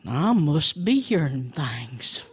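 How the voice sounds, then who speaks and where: A woman voicing a slow, gullible male bear in a folktale, with a breathy, dopey Southern American drawl. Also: low voice, big pitch swings, pitched below the performer's own voice, heavily acted. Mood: puzzled.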